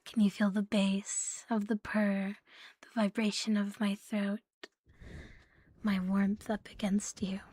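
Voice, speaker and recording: Playing a catgirl girlfriend in an ASMR roleplay, a woman mostly whispers, breathy, close and soothing, very near the mic, drawing out repeated words. Her voice is medium-pitched, mellow and level, slow-paced, with no room sound.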